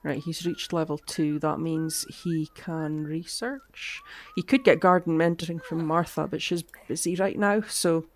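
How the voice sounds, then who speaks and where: Her voice is low and her pace measured, with few pauses, as this woman streamer talks casually through her gameplay. A lingering cough cuts her off now and then while she muses aloud in soft asides.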